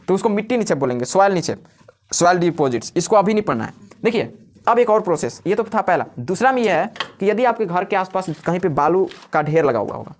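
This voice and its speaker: A man teaching a live class, who keeps asking questions and answering them himself while repeating the key words. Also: high voice. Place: classroom with students.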